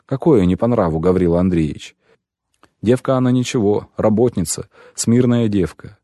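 A man's voice: on the low side, normal speed, mellow, no room sound, studio quality. A man voicing a self-pitying grown shoemaker who pleads and laments at length, in an audiobook reading. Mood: pleading.

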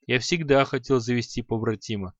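A man's voice: medium pitch, fairly quick, no room sound, lightly acted. A man voicing a good-natured young apprentice who talks mildly and agreeably in an audiobook. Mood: easygoing. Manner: mild, agreeable. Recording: slightly dull audio.

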